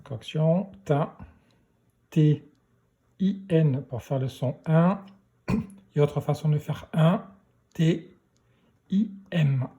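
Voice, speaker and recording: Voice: mid-range voice, takes it slowly, pauses often, mellow, lo-fi sound. A primary school teacher giving a remote dictation lesson, repeating each syllable and spelling it out letter by letter.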